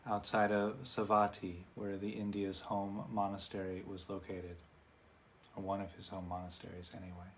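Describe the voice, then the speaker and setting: A man with a fairly low voice retells a parable as part of a dharma talk. He speaks conversationally, stepping aside from the story now and then to talk directly to his listeners. A faint hiss sits under the voice. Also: monotone, moderate pace.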